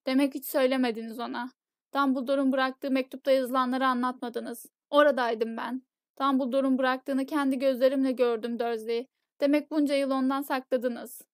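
A woman reading the lines of a huge, gruff male giant gamekeeper, blunt and quick to roar, in an audiobook. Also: high-pitched, fairly even intonation, dry recording, clean studio sound. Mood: furious. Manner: roaring, indignant outbursts.

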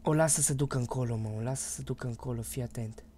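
A Romanian man streaming a horror game live, chatting casually and bursting into loud, panicky repeated shouts. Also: medium pitch, a little hiss or hum. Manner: panicky, loud outbursts and rapid repeated words. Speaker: gaming streamer.

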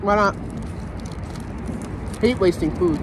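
A man's voice: high voice, takes it slowly. A man reviewing food in a casual vlog, chewing with his mouth full as he talks to viewers. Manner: relaxed, chatty, talks to viewers. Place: outdoors on a city street. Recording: outdoor street noise.

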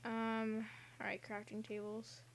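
A woman's voice: on the high side, completely flat delivery, unhurried, a little hiss or hum. A young woman casually commenting on a game she is playing, rambling and giggling with silly asides, recorded at home. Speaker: gaming channel host.

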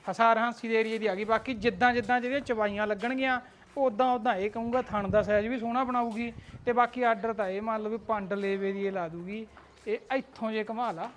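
A man showing buffaloes at a farm, calling out directions in a brisk salesman patter. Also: sits high, fairly even intonation, a bit bright, slight background noise. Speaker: livestock dealer vlogger. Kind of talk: on-farm livestock showcase. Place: outdoors at a dairy farm.

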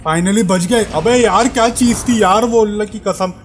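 A man giving excitable live commentary on a horror game, often repeating words in panic, with an Urdu-speaking accent. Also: high-pitched, moderate pace. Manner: excitable, swears and repeats words when scared. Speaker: gameplay commentator. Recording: game music playing behind.

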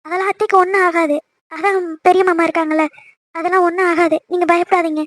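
A woman voices a frightened young woman in a homemade cartoon, soft and pleading. Her voice sits very high and moves quickly. The sound is dry and close. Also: level tone, dry recording. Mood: worried. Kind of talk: amateur cartoon dubbing.

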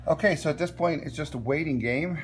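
A man's voice: a little high, a little fast, a little hiss or hum. Man walking through a laptop reset. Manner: relaxed, plain, repeats "okay?" to check in. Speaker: tech tutorial host. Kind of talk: step-by-step screen tutorial. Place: indoors at a workbench filming a laptop screen.

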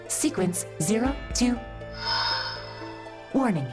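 Glitchy female computer voice, flat machine readouts, error messages, game music underneath. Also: a little high, takes it slowly. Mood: monotone. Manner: toneless machine announcements that throw errors and cut off mid-word. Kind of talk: video game story scene voice acting.

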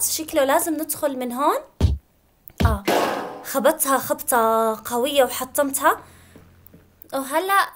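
A woman, commenting on a video game as she plays, excitable and given to shrieks and laughs. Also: sits high. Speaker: gamer. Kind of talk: let's play commentary.

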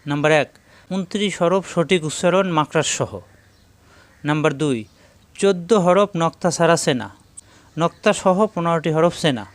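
A man teaching a Quran reading lesson, counting through the rules and slowly repeating each letter sound. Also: on the high side, clear, resonant tone, no echo. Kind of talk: step-by-step recitation lesson.

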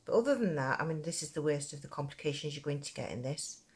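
Nottingham woman doing a crochet how-to, lowish voice, chatty and kinda rambly. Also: animated, quick pace. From Nottingham, England. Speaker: crochet tutorial presenter. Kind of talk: casual spoken craft tutorial.

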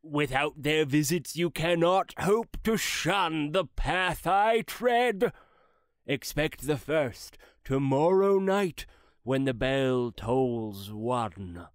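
An actor playing the solemn ghost of a dead old businessman who speaks in slow, grave, mournful pronouncements. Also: a little high, animated, no echo, studio quality. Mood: urgent warning. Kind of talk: dramatized classic story reading.

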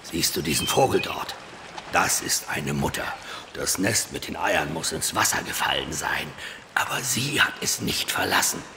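A commanding pirate captain schemes in a very low, creaky voice. He speaks with slow menace, as in a children's audio drama, with clear background noise around him. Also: big pitch swings, heavily acted. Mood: sly, sinister.

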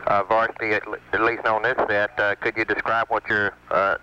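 A man at mission control talking over a space radio link with beeps, halting with many filler pauses. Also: on the low side, level tone, bright, forceful tone. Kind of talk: radio communication. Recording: muffled noisy radio transmission.

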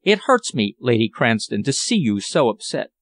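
A man doing an awkward, wistful gentleman. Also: mid-range voice, very animated, dry recording. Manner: awkward, halting.

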